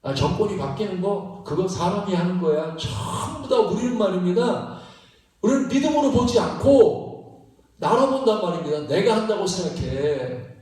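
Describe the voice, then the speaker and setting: A man's voice: sits high, expressive, normal speed, a little mellow. A male pastor preaching a sermon in a church sanctuary. He speaks emphatically, repeats his points and laughs between phrases. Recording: echoey church hall, mic at a distance.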